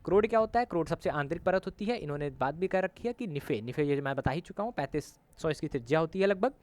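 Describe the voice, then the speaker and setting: Male tutor, slightly high voice, patient diagram lesson, frequent check-ins and self-corrections. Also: expressive, fast, a little mellow. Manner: repeats "ठीक है" often as a check-in; corrects himself mid-sentence. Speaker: teacher. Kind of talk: classroom lesson explaining with diagrams.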